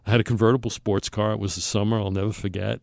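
A man's voice: lowish voice, level tone, racing, gravelly, darkish tone, no echo, studio quality. An older man with a Brooklyn accent tells a personal story in an emphatic, conversational way, acting out the dialogue. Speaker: storyteller on a talk show.

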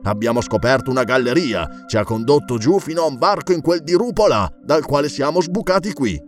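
Narrator reading a careful male explorer, slow, measured, weighing each word. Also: medium pitch, lively intonation, faint music behind, close to an everyday voice.

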